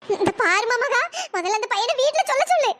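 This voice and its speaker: A voice actor playing a caring, worried old grandmother in a cartoon story, with a pitch-raised processed voice. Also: animated, a little fast, noisy background. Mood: fretful. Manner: soothing, worried, coaxing.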